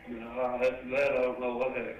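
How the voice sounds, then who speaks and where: A man, an inmate speaking to his mother on a prison phone line, halting and mumbling. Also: medium pitch. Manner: mumbled, halting, flat delivery. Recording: distant, echoey, noisy phone recording.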